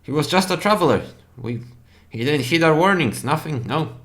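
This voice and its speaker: A man voicing a guarded, weary male village elder who answers in halting denials. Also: fairly high pitch, expressive, fairly bright tone. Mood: evasive.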